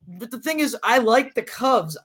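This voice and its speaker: A man's voice: very high voice, expressive, moderate pace, a bit bright, slightly rough. A teenage boy co-hosting a casual podcast, rambling with lots of fillers and restarts. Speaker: podcast co-host. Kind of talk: casual chat.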